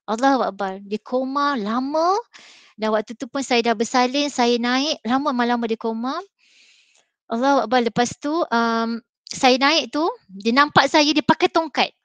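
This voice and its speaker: Slightly slow and fairly high, with a fairly bright tone and no room sound, a middle-aged Malaysian woman speaks as a mathematics teacher on a school panel. She tells an earnest personal story meant to motivate, her Malay accent laced with fillers.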